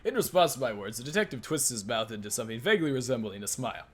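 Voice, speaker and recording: A man's voice: mid-range voice, lively intonation, very fast, a bit bright, faint music behind. Sarcastic man reading a game aloud. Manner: sarcastic, laughs often. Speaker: let's play host reading the game. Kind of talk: reading a visual novel aloud with banter.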